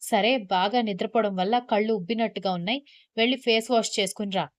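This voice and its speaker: A woman voicing a calm, stubborn young male chief minister in a storybook reading, with firm, even delivery. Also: medium pitch, fast, natural voice. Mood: dry.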